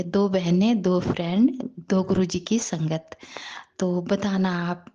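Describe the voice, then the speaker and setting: A woman giving a tender devotional talk to her listeners, in a rough, worn voice that often slips into a whisper. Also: medium pitch, mellow, highs cut off. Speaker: devotional satsang speaker.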